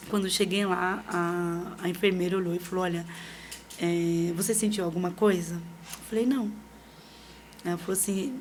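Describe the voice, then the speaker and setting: A middle-aged Brazilian woman with a mid-pitched voice tells a personal story as a podcast guest. She acts out the voices of the people in her story and laughs often. Faint ambient noise sits behind her voice. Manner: lively, re-enacts dialogue, laughs often. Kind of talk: personal storytelling in a casual interview.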